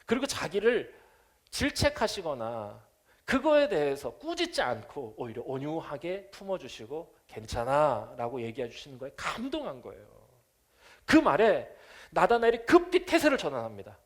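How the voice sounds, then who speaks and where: Male pastor, Sunday sermon, fairly high voice, very expressive pitch, chuckling, church. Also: normal speed. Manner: animated, chuckles often, acts out quotes.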